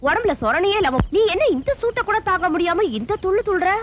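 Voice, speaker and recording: A woman's voice: very high-pitched, lively intonation, fast, lo-fi sound, background noise. An actress playing a caring, bossy young woman from a slum who fusses and scolds, in an old film soundtrack with music. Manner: fussing and scolding.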